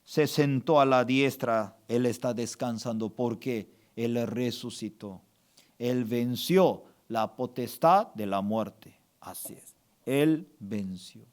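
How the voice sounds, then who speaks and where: A man's voice: mid-range voice, slow. A male pastor preaching a sermon with emphatic call-and-response, asking the congregation to repeat after him.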